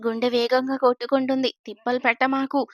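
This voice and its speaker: A woman's voice: high voice, level tone, quick pace, no echo, muffled recording. Woman voicing a teasing young man in love.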